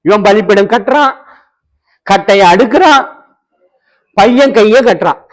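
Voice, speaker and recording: A man's voice: sits high, measured pace, low-quality recording. A man preaching a sermon as an evangelist, acting out dialogue and rising to emphatic peaks. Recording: online radio broadcast.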